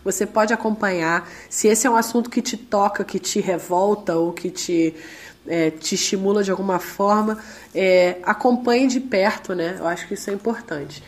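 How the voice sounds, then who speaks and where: A Brazilian Portuguese-speaking woman giving a conversational interview, her voice hoarse and duck-like as she recovers from laryngitis. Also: medium pitch, normal speed. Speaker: interviewee, independent musician.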